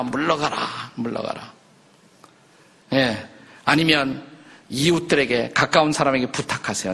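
An older man, a pastor, preaching a sermon in a lively conversational way, acting out quotes and jokes. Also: mid-range voice, husky. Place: church sanctuary. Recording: long church reverb.

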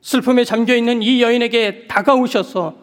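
A man preaching a sermon as pastor, earnest and measured with soft pauses. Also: very high-pitched, steady tone. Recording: long reverb of a large hall.

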